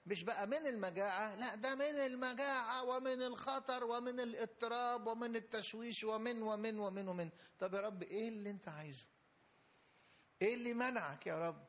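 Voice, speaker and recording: A man's voice: very high voice, a little fast, fairly bright tone. A man preaching a sermon with an Egyptian Arabic accent, emphatic and repetitive, building to fervent peaks. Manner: emphatic, repeats phrases, rising fervor.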